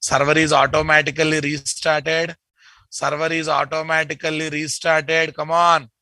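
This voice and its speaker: A man's voice: a little high, flat delivery, moderate pace, bright, forceful tone, dry recording. A man with a Telugu Indian accent teaches a live coding class, repeating his phrases and checking in with short tag questions. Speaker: programming instructor. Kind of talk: live coding lesson, addressing students.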